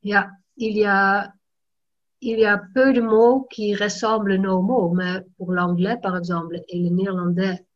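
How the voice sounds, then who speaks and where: A woman's voice: medium pitch, flat delivery, normal speed, lo-fi sound. A Dutch-native woman and language teacher chatting casually in French, searching for words and slipping in English yeahs. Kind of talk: casual chat.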